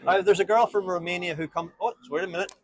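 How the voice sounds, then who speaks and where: Outdoors on a town street, a male street evangelist preaches and chats informally, explaining things earnestly and often asking his listener questions. His voice sits high, his intonation is fairly even, and he talks fast. There's no echo.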